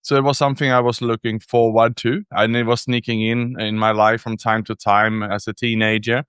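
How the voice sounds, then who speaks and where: A man from Sweden, a native Swedish speaker, talking in English as a podcast guest, telling his story reflectively with frequent pauses and restarts. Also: mid-range voice, flat delivery, a bit bright, clear, resonant tone, no echo, studio quality. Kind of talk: casual interview storytelling.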